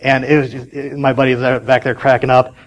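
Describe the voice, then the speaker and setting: A man's voice: mid-range voice, level tone, brisk, lo-fi sound. A man giving a casual conference talk, telling a story in a chatty way with many fillers and restarts. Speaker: conference speaker.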